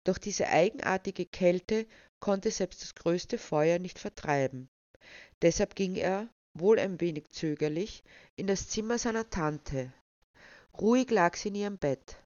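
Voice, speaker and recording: A woman narrating a story in a measured, calm manner, in a dull, dry recording. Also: on the low side, no echo.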